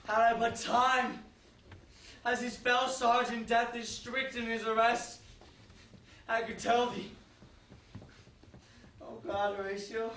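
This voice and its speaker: A man's voice: very high voice, fairly bright tone, full character voice. A man playing an anguished, passionate young prince as he dies, declaiming in theatrical Shakespearean style. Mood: anguished, fading. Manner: theatrical, declaiming, drawn-out dying delivery. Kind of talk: Shakespearean stage acting. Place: theatre stage, recorded from far off. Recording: distant echoey stage recording, music behind.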